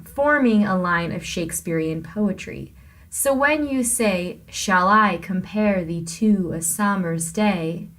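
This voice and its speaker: A woman college English professor giving a recorded lecture, slowly demonstrating syllable stress by exaggerating words. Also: medium pitch, fairly bright tone. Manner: slow, deliberate, exaggerating word stress to demonstrate.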